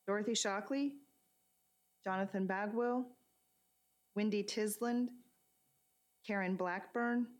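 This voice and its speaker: A woman acting as meeting clerk, calling the roll name by name in a measured, unhurried way. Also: medium pitch. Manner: slow, measured reading of names.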